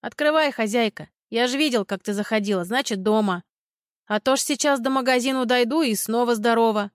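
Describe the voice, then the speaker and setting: A woman narrating an audiobook voices a nasal-voiced village drunk who wails and pleads at a door in a drawn-out way. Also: very high-pitched, smooth, no echo, studio quality. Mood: whiny pleading.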